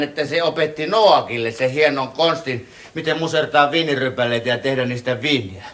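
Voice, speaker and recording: A man performing a comic theatre monologue as a tipsy wedding guest, telling the story boisterously and swinging between shouts and hushed awe. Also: high-pitched. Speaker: stage performer.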